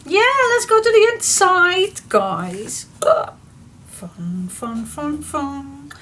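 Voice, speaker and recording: A papercraft tutorial host talks through her project in a high, slightly hoarse, froggy voice, chatting casually and partly to herself at an easy, unhurried pace. Constant hiss is plainly audible under the audio.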